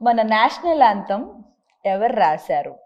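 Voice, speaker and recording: A woman's voice: mid-range voice, sing-song, unhurried, lo-fi sound. A woman hosting a playful quiz game show, teasing and bossy, mixing English words into her talk.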